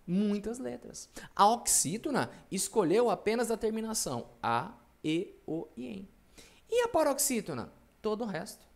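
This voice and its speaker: A man's voice: sits high, very animated, normal speed, gravelly. A man teaching a grammar class, who asks his own questions, answers them, and drops jokes along the way. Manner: jokey, playful asides. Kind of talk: recorded online class lecture.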